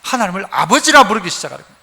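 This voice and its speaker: A male pastor giving a sermon, animated, asking the congregation questions as he preaches. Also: high voice, racing. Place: church sanctuary. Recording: reverberant church hall.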